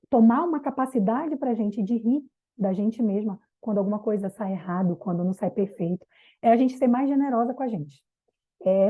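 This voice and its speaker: Middle-aged woman, women's mentor, breathy and a touch high, plain-spoken with mild slang, thin phone-quality sound. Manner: casual and direct, addressing listeners, with mild slang. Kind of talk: motivational talk to a group. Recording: tinny phone-like audio.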